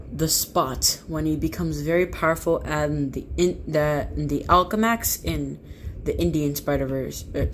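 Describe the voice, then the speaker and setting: Rambling builder over steady background noise. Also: medium pitch. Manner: rambling, with frequent self-corrections. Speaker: toy builder showing custom figures. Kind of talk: casual show-and-tell.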